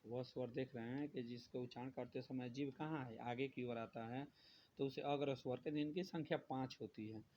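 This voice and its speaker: A man's voice: medium pitch, steady tone, moderate pace, a little mellow. Male teacher, grammar lesson, repeats himself, asks and answers his own questions, muffled lo-fi recording. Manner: repetitive, asks questions then answers them. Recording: dull lo-fi sound with faint noise.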